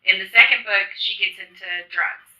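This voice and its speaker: A woman author chats about her books at a convention, her voice very bright. She explains things eagerly and at a quick clip. The echoey hall rings around her. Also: medium pitch, fairly even intonation, recorded from a distance. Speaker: author guest. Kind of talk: casual interview chat. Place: convention venue.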